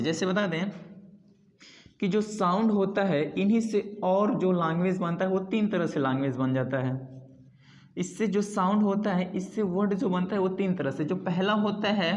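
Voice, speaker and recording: A woman teacher talks through an English lesson at an ordinary, mid-range pitch. She goes back over her points and refers to words she has written as she explains. Her voice rings through a bare room with a long, trailing reverb. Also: darkish tone.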